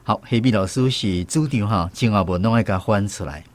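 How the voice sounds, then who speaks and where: A man with a Taiwanese accent hosts a translation quiz segment within a radio language lesson. His voice is lowish and brisk, with a little hiss or hum in the audio.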